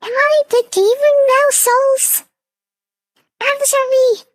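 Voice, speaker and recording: A woman's voice: very high-pitched, fairly even intonation, slow, no echo, pitched above the performer's own voice. A woman streamer talking through an AI voice changer that turns her into an artificial anime-girl voice, chatting playfully with her viewers. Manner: playful, teasing her chat. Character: synthetic high-pitched anime girl voice. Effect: AI voice changer with a synthetic anime-girl sound. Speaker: live streamer. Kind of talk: casual live-stream chat.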